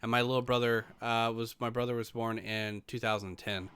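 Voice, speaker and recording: A man's voice: mid-range voice, flat delivery, a little fast, fairly bright tone, clear, resonant tone. A man in his late twenties, a streamer telling meandering casual stories to his live audience. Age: late 20s. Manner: rambling, meandering storyteller.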